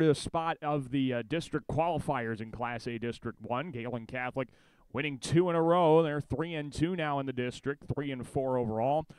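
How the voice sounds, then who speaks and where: A man's voice: medium pitch, smooth, dry recording. A man with an American accent giving pregame radio commentary as a football play-by-play announcer. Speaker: sports director and play-by-play announcer.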